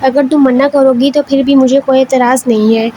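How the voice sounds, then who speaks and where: A woman voicing a gentle older father. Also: high-pitched, steady tone, slight background noise, lightly acted. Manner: soft, coaxing. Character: gentle older father, soft-spoken and kind.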